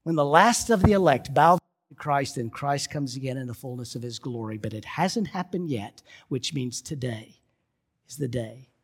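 A male pastor preaching a sermon and telling a story, moving between loud emphasis and hushed, quiet passages. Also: slightly rough. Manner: dramatic, swings from loud emphasis to hushed lows.

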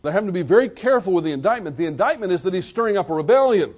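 Male preacher, high voice, vivid storyteller delivering a sermon. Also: animated, very fast, darkish tone. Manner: vivid storytelling, retelling scenes.

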